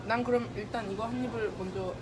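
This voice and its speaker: A woman's voice: fairly high pitch, fairly even intonation, fast talker. A woman chatting casually over food in brief, informal interjections. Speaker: mukbang guest. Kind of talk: casual chat while eating. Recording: very loud background noise.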